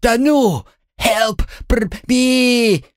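Squeaky tiny creature, hot-headed curse master, slow shrill yelling, dry sound. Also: male voice, no room sound, exaggerated voice. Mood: panicked.

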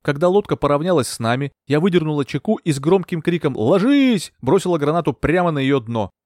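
A man's voice: a little high, fast talker, no echo, clean studio sound. Man reading a thriller audiobook. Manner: steady, even storytelling. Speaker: audiobook reader. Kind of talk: scripted narration.

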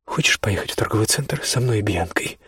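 A man's voice: on the low side, lively intonation, brisk, fairly bright tone, husky, no echo, studio quality, full character voice. A man reading the lines of a strict, tired mother who speaks curtly and dismissively. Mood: coolly sweet. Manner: curt, dismissive. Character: strict tired mother, middle-aged woman, cold.

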